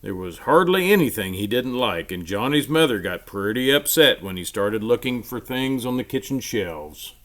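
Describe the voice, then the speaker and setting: A man reads a children's storybook aloud with expressive, emphatic storytelling, his medium-pitched voice moving at normal speed with few pauses.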